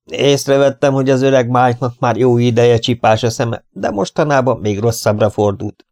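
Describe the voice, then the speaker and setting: A man's voice: mid-range voice, darkish tone, voice pushed up, lightly acted. A man voicing a chatty village farmer in an audiobook reading.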